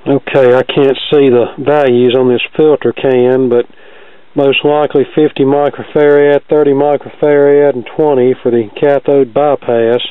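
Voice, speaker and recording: A vintage record player repair hobbyist hosts his own video, narrating a hands-on fix in a casual, methodical, matter-of-fact way. His voice is smooth, level and medium-pitched at normal speed, though the dry recording sounds muffled and phone-like with background noise.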